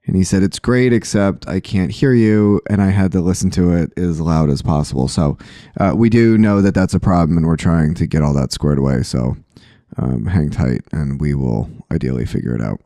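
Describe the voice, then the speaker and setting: This casual chat comes from a sober living owner and podcast host with a very deep, low, dark, mellow voice who jokes dryly, speaks candidly, and fills pauses with "uh." He keeps a moderate pace, and the close, dry recording has no room sound, yet the poor microphone makes him difficult to hear.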